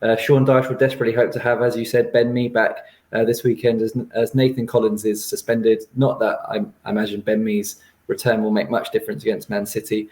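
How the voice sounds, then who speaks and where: A man's voice: on the low side, flat delivery, a little fast, a little mellow, echoey room. A man giving a football match preview, running through team news. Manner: rundown of team news, some hesitations. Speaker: football analyst.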